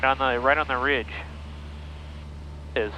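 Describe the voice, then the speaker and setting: A man's voice: medium pitch, fairly even intonation, slow, dull audio. A man flying a small plane, chatting casually as a private pilot and making pilot radio calls on a headset. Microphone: aviation headset intercom. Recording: cockpit intercom with faint engine noise.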